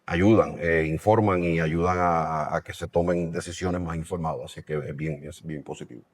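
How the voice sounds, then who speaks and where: Recorded dry, this man's voice sits low and keeps a steady tone at a moderate pace. He is a middle-aged Puerto Rican company president in real estate development, with a Puerto Rican Spanish accent, who responds to interview questions reflectively, often using fillers and starting over.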